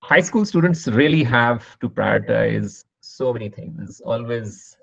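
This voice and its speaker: A man hosting a podcast, asking long, winding questions in a measured conversational way, on slightly muffled audio. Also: medium pitch, lively intonation, gravelly, a bit bright. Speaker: podcast host. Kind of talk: conversational interviewing.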